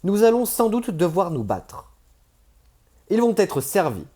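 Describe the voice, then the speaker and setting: A man's voice: high voice, very animated, measured pace, dark tone, voice pushed up, full character voice. A man reading an audiobook voices a tense young woman on the run, urgent and clipped.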